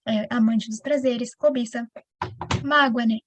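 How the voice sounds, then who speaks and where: A woman with a Brazilian Portuguese accent teaching the Bible in a conversational, animated way, often addressing her listeners directly. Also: on the high side, measured pace, slight background noise. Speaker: preacher.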